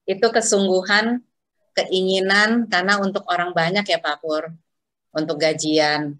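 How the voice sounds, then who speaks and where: A woman with a fairly low voice answers in a church group discussion. She speaks in an affirming, reflective way. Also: fairly even intonation, a little slow, a bit bright. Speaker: Bible study participant.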